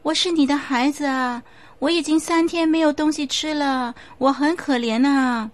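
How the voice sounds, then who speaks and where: A woman voicing a ghost that pretends to be a hungry dead little boy, with a high, plaintive, pleading wail. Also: steady tone, normal speed, close to an everyday voice.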